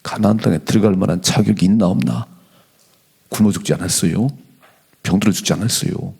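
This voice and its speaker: A middle-aged male pastor giving an animated dawn prayer sermon in a church, slowing down whenever he reads scripture aloud. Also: low-pitched, vocal fry, breathy edge. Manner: animated preaching, slows to read scripture aloud. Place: church sanctuary.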